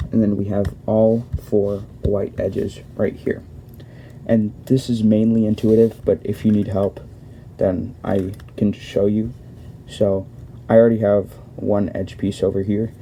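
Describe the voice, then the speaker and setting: A young man walks through a tutorial in a casual, step-by-step way, restarting and correcting himself as he goes. His voice sits low and dark, with little rise or fall. A faint hiss runs under the recording. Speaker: cube tutorial host.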